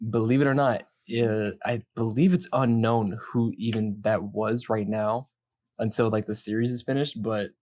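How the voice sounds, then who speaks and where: A man hosting a podcast explains a horror series in a casual chat, reacting to videos. His voice is lowish, fairly even in intonation, a little mellow, and at normal speed, and his explanations come out hesitant and rambling.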